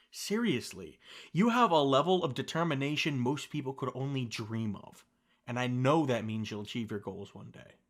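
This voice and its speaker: In a scripted ASMR roleplay, a young man with a mid-range voice plays the listener's best friend, speaking softly and gently, offering reassurance and the occasional teasing laugh. A close studio mic captures him.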